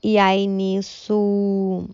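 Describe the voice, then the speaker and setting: A woman's voice: mid-range voice, monotone, drawn-out words, a little mellow, clear, resonant tone, no echo, dull audio. A woman gives a church testimony in a chatty, emotional storytelling manner, often turning to her listeners for agreement. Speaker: church member giving testimony. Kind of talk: spoken religious testimony.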